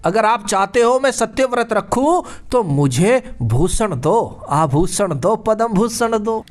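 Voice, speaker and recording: Nagging young wife, put on by a male teacher; insistent, high singsong, comic. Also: very animated, takes it slowly, heavily acted. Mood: demanding.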